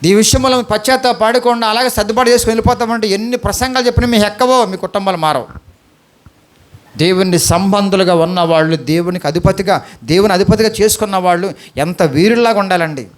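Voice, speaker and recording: A man's voice: high voice, quick pace. A male pastor with an Andhra Telugu accent preaching a sermon, pleading with the congregation and firing questions at them.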